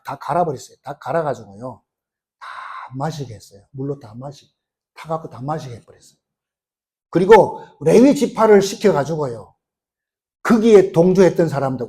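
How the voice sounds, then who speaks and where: A man's voice: on the high side, warm tone. A male pastor preaching a sermon, emphatic and colloquial, who keeps asking rhetorical questions and retelling scenes in plain everyday speech.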